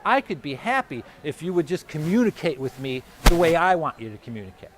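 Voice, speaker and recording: Animated man giving a live talk. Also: a little high, a little fast, a little hiss or hum. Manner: animated, conversational, acts out his own inner voice. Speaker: motivational speaker. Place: expo hall or venue.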